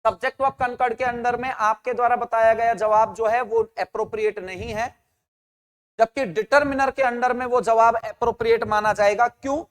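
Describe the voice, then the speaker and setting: A man's voice: very high-pitched, steady tone, moderate pace, a bit bright, in a large hall. A man teaching an English grammar class, asking his students questions and answering them himself, and calling out their names and answers. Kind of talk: online grammar lesson.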